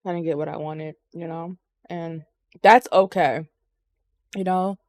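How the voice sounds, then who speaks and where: A woman's voice: low voice, fairly even intonation, measured pace, a little mellow, dry recording, clean studio sound. Woman rambling casually about wrestling. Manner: rambling, profane, frequent ums. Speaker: podcast co-host.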